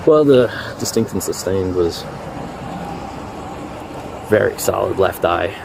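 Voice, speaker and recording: A man's voice: low voice, lively intonation, takes it slowly, creaky, heavy background noise. A male police officer who speaks firmly and matter-of-factly, reading out legal warnings and explaining procedure. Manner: firm, matter-of-fact.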